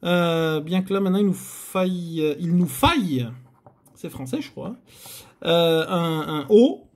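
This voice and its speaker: A man's voice: a little high, expressive, a little slow. Chatty man groaning over scratch cards. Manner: chatty, theatrical, addresses viewers, frequent groans. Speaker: host. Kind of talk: scratch-card video commentary.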